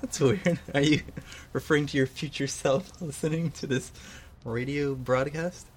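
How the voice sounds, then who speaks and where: Fairly high in pitch and at a normal pace, this man's voice comes with a slight hiss or hum. As co-host of a homemade radio show, he jokes around, rambles, and pokes fun at himself in casual conversation.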